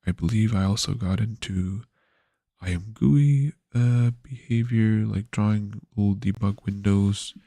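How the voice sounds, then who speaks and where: A man's voice: on the low side, measured pace, gravelly, warm tone, no room sound, studio quality. A man streaming his game development work, talking casually and sleepily with many fillers and restarts. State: yawny. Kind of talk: casual live-stream devlog.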